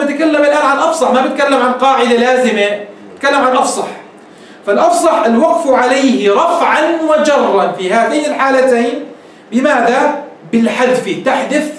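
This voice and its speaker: A man with a Levantine Arabic accent teaching a grammar lesson in a lecture room, explaining step by step and checking understanding with quick questions. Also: very high-pitched, slight background noise. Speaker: Islamic scholar teaching grammar. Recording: echoey room, mic at a distance.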